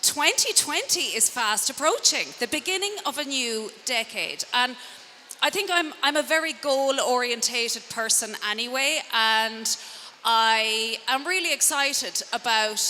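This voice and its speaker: A middle-aged transformative coach and speaker from Connemara, Galway, with a west of Ireland accent, gives a conversational motivational talk to a live audience in an indoor event room, using rhetorical questions and wry self-directed asides. Her voice is on the high side, animated, a little slow and sharp-toned. The hall is reverberant, with clear background noise.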